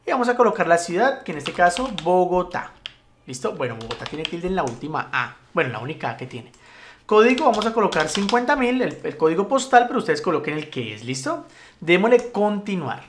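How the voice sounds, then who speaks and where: Lively, animated male tutor, casual and chatty, keeps checking in with viewers. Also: sits high, brisk, a little hiss or hum. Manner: relaxed, chatty, addresses viewers as "muchachos"; frequent checking tags like "¿listo?" and "¿vale?". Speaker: web tutorial instructor. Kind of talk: casual screen-recorded tutorial.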